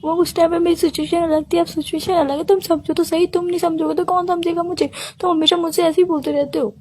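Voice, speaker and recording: A woman playing an indignant girlfriend in a comedic phone-call sketch, keeping her voice hushed and pleading. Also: extremely high pitch, level tone, fast, a little hiss or hum.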